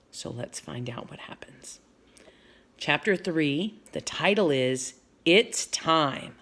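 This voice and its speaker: A woman reading a children's chapter book aloud, explaining the story to young listeners as she goes. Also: deep voice. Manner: warm, explanatory, speaking to children.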